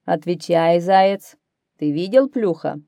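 A woman voicing a proud male lion who rules the forest, in a storybook reading, speaking loudly and firmly. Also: fairly low pitch, expressive, slow, gravelly, dry recording, heavily acted. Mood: commanding. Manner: loud, firm, commanding.

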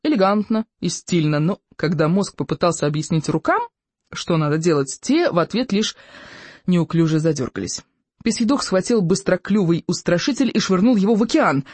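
An audiobook narrator reading a children's adventure story in an expressive, animated way. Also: mid-range voice, moderate pace, breathy edge, no room sound. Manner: lively, animated.

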